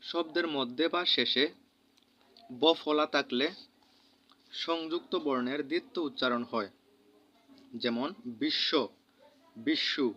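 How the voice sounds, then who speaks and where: A man with a Bangladeshi Bengali accent teaching a grammar lesson, saying each example word slowly and repeating it. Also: mid-range voice, pushed and bright. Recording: dull lo-fi recording.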